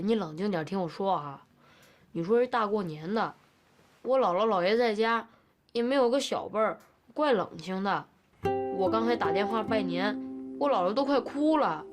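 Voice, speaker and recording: A young actor playing a calm, tactful teenage son reasoning with his father in a TV drama. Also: high voice. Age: teens. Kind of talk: TV drama acting.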